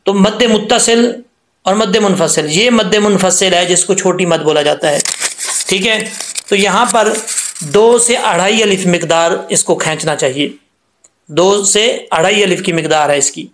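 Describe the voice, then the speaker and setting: A man teaching Quran recitation rules, patiently drilling syllables slowly and repeating each sound. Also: high-pitched, fairly bright tone, echoey room, a little hiss or hum. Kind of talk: tajweed lesson explaining letter sounds.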